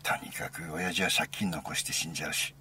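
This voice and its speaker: A man reading a first-person story aloud as an intimate, conversational monologue, sometimes dropping into a hushed near-whisper. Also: rumbling low, steady tone, fairly quick, slight background noise. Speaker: narrator.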